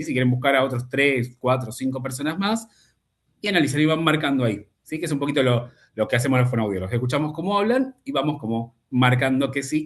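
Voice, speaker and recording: A man's voice: medium pitch, fairly bright tone. Man teaching. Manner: explanatory, keeps checking with "¿sí?". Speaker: speech therapy teacher. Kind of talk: online class explanation.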